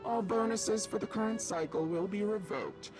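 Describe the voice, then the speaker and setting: A woman's voice: mid-range voice, moderate pace, music in the background, close to an everyday voice. An actress playing a stern female corporate executive who speaks in a formal, clipped way.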